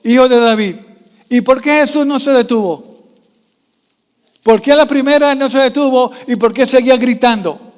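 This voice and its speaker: A male pastor preaching a sermon, quizzing the congregation with constant questions and swinging from soft asides to loud raised passages. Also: extremely high pitch, moderate pace, long pauses, big-room sound. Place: church.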